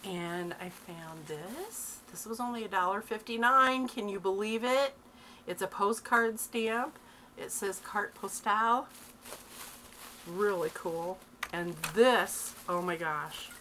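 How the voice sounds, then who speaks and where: A woman's voice: mid-range voice, slow, pushed and bright, slight background noise. A middle-aged woman vlogging from home, chatting eagerly about her crafting finds and laughing often. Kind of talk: casual show-and-tell vlog.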